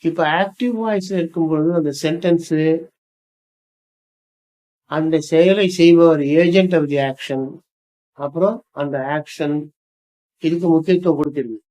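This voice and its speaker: An older man with a Tamil accent gives a grammar lesson in a fairly high voice. He talks very slowly and deliberately, pausing between phrases. He reads English example sentences with careful emphasis. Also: fairly even intonation, warm tone, rough recording. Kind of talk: slow explanatory lesson.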